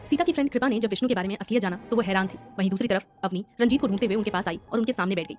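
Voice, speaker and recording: A woman narrating a scripted audio story with a brisk, even delivery. She reads at a very fast clip while faint background music plays. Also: mid-range voice.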